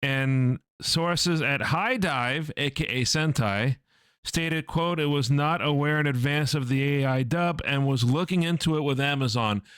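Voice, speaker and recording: A man's voice: fairly high pitch, unhurried, fairly bright tone, smooth, no echo. A man co-hosting an anime podcast, chatting casually and explaining news at length with plenty of ums and uhs. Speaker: podcast co-host.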